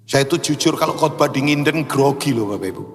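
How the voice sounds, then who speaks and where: A man preaching a sermon, animated, acting out dialogue and shouting for emphasis. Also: medium pitch, quick pace, a little hiss or hum. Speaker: pastor. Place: large church hall. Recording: long church hall reverb.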